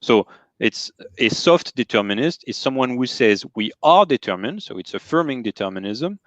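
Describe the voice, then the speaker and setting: A French guest philosopher with a French accent explains ideas carefully in an interview, defining his terms step by step. His medium-pitched voice has lively intonation and a normal pace, with no echo.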